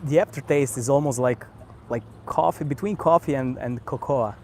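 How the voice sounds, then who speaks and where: Croatian-accented male host, laid-back outdoor chat, mid pitch, faint ambience behind. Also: slight background noise. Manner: relaxed, unhurried, repeats words while thinking. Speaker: cigar channel host. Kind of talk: casual live-stream chat. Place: outdoors on a vacation island by the sea.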